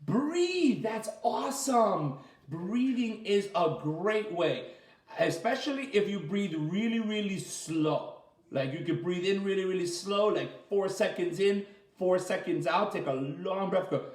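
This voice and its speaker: Expressive and high-voiced, a man leads children's story time as a martial arts coach in an echoey space. His chatty, interactive lesson is full of encouragement and praise, with slow, simple, repeated explanations.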